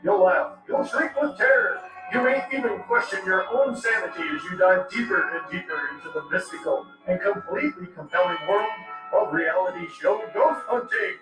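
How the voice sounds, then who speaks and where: A sarcastic male game-trailer announcer rattles off jokes and shouted pinball callouts. His voice is high and lively. It sounds roomy and slightly distant over trailer music. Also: moderate pace. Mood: mocking. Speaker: trailer narrator. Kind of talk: jokey promo narration.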